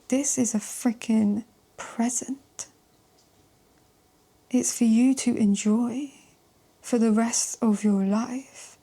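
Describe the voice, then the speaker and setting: Slow-talking woman reading tarot. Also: fairly high pitch. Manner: chatty and emphatic, casual swearing, slips into soft whispers. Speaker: tarot reader. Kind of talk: casual tarot love reading to camera.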